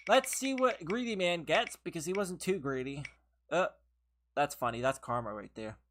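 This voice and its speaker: Streaming a game live from her own room, a woman chats with viewers, laughs often and teases them, though she sounds tired and is losing her voice. Her low-pitched voice is animated and moves at normal speed, with background noise audible in this casual gameplay commentary.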